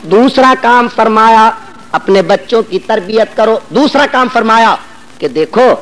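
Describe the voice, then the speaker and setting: A man with an Indian Urdu accent preaches a dramatic, story-driven sermon. His voice sits very high, and he swings between loud, chanting passages and hushed, soft lines. A faint hiss runs under the recording. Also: lively intonation.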